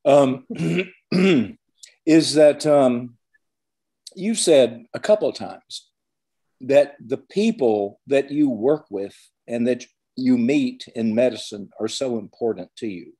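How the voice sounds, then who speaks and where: An older male physician with hiccups, interviewing gently and haltingly over a video call from a cabin. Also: mid-range voice, lively intonation. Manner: gentle, halting, many restarts.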